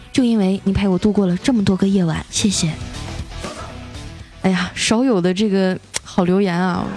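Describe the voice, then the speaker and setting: A woman's voice: medium pitch, a little mellow. A woman hosting a comedy podcast, reading out listener jokes in a playful, teasing way and putting on voices for the characters. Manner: playful, teasing, self-mocking, laughs often; acts out quoted characters with shifting voices.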